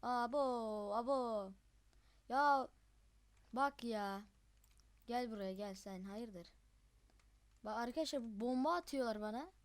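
A young gamer host giving live, chatty commentary over gameplay, excitable and quick to yelp in frustration. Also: medium pitch.

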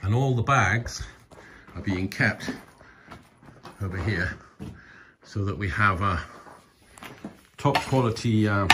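A fairly low-pitched man in his fifties walks viewers through his old farm restoration in a casual, dry-humored video, explaining things along the way. He films on a phone held at arm's length, both out on the farmland and inside a stone barn, and the audio picks up clear background noise and clicks.

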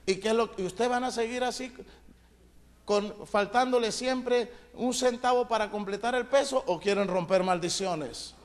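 A male pastor preaching a fiery sermon, emphatic, calling on the congregation to answer back and rising to loud shouted peaks. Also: high voice, normal speed. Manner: emphatic, calls for congregation responses.

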